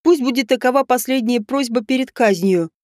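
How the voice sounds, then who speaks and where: Brief: guilty village husband in an audiobook, read by a woman, quiet, resigned, fairly high. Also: brisk, no echo, studio quality, lightly acted. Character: guilty peasant husband ready for execution.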